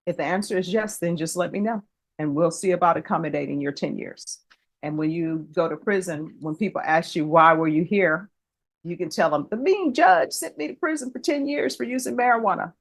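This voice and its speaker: A woman's voice: fairly low pitch, lively intonation, a little fast, no room sound. A middle-aged woman judge questioning a defendant in a courtroom, firm and lecturing, with pointed rhetorical questions.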